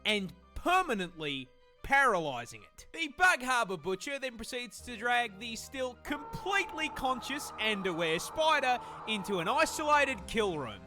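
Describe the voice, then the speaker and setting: A man's voice: very high-pitched, big pitch swings, moderate pace, music in the background. A man doing comedic scripted documentary narration in a sweary, irreverent, slangy manner. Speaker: animal facts video narrator.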